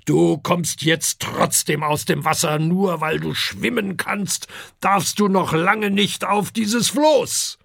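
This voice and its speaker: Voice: medium pitch, fairly even intonation, takes it slowly, vocal fry, no room sound, clean studio sound, pitched above the performer's own voice, full character voice. A narrator doing a huge grumbling father dragon. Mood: alarmed, stern. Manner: shouting, grumbling. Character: huge gruff male eating dragon, fussy father.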